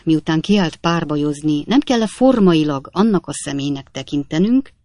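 A reader voicing a pompous, portly gentleman who sets himself up as an expert on matters of honour. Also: medium pitch, no echo, studio quality, natural voice. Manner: pompous, indignant.

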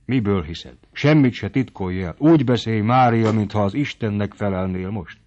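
A man reading aloud as a stern, stubborn father who speaks in a firm, measured way. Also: lowish voice, darkish tone, highs cut off, natural voice.

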